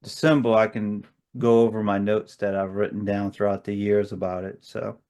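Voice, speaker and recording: A man's voice: fairly low pitch, level tone, moderate pace, a little mellow, clean tone. A man co-hosting a casual conversation, chatty and friendly. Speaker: co-host.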